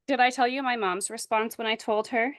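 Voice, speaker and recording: A woman's voice: fairly high pitch, steady tone, fairly quick, no echo, studio quality. A woman co-hosting a podcast in casual chat, talking with lots of "like" fillers. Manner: chatty, full of "like" fillers, acts out quoted voices. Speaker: podcast co-host.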